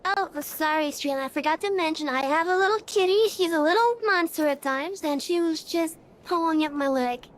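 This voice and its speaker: A woman's voice: very high voice, normal speed, hardly any pauses, a little hiss or hum. A streamer in casual, rambling chat with many fillers, her voice run through an AI voice changer. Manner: rambling, chatty, frequent fillers.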